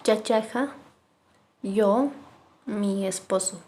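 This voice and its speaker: A woman's voice: mid-range voice, extremely slow, a little mellow, slight background noise. A woman teaching a vocabulary lesson, patiently repeating each word and ending phrases with a questioning tag. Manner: patient, repeats words, adds "¿no?" tags. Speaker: Aymara language teacher.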